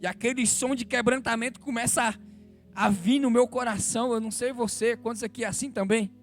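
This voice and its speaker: A Brazilian man preaching a sermon in church, swinging between fervent exhortation and low, intimate confession, with soft instrumental music behind him. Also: fairly even intonation, fairly quick. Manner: emotional, rises to fervent exhortation then drops low and intimate. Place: church sanctuary.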